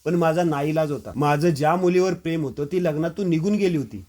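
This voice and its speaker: Guy reading a grumbly fed-up young friend from a serial, bit high. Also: fairly quick, a little mellow, natural voice. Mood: exasperated. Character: grumbling loyal male friend, young man.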